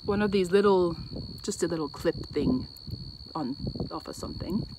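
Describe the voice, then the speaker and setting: On a bridge over water, a woman from Acadian Canada chats for her outdoor vlog at a moderate pace in a fairly low voice, thinking aloud and interrupting herself along the way. The phone set on the bridge picks up a noisy mix of traffic and insects.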